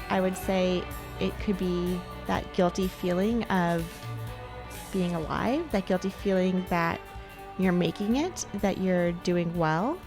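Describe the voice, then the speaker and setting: A woman hosting a podcast, talking through a candid, reflective personal monologue. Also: fairly low pitch. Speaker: podcast host.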